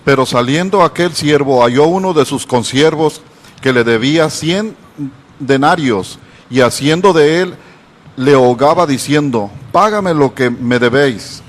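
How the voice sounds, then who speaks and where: A man reading a scripture passage aloud in a steady, formal way. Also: medium pitch, a little slow. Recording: long hall reverb.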